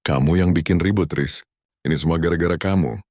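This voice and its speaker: A man puts on a chilly, accusing sister-in-law in a horror story reading. He keeps his very deep voice for her. The sound is dry and close. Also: fairly quick, a little mellow, no echo. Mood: cold. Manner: cold, accusing. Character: cold, blaming older sister-in-law.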